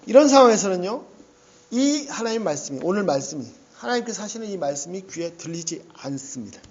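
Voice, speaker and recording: A man preaching a sermon, animated and conversational, often affirming himself with "yes.". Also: sits high, a little fast, highs cut off. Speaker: pastor.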